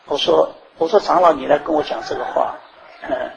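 A man preaching a sermon, telling stories from his own life and swinging between loud, high bursts and quiet asides. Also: normal speed, creaky, highs cut off, crowd noise. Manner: animated, rising and falling sharply in pitch and volume.

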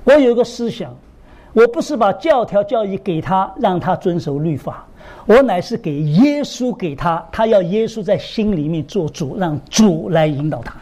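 A middle-aged man delivers a sermon in an animated storytelling manner. His voice leaps high for emphasis and drops low for asides, and he keeps turning to the congregation with rhetorical questions. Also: normal speed. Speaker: preacher.

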